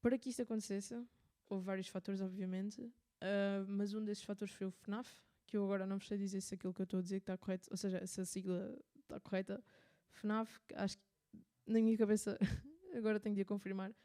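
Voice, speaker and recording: A woman's voice: mid-range voice, warm tone. A woman with a European Portuguese accent hosting a radio show, explaining a subject in a casual, thinking-aloud way with fillers and restarts. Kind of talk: casual spoken commentary.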